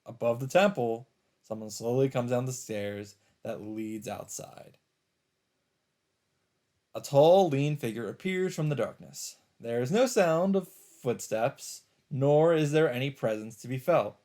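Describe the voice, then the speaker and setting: Hosting a let's play, a man with a medium-pitched, dark, expressive voice reads visual novel narration dramatically and a little slowly. He adds his own casual asides, with background music playing.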